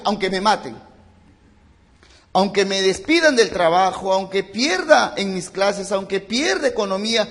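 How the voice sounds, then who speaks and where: Man, pastor preaching, gravelly voice, long church-hall reverb. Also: sits high. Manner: impassioned, repeats phrases for emphasis. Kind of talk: sermon.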